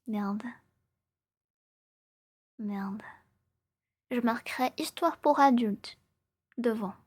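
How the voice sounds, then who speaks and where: Speaking extremely slowly at a fairly high pitch, this live streamer in her twenties chats playfully and casually. She frequently drops into a breathy ASMR whisper and says her phrases more than once.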